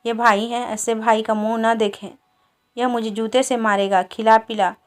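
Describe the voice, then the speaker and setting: A proud, fierce village wife, as a woman storyteller puts her on speaks up in a sharp, scolding way. Her voice sits fairly high, with little rise and fall. It comes across as an audiobook reading. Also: little pitch movement, normal speed, clear, resonant tone, natural voice. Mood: defiant.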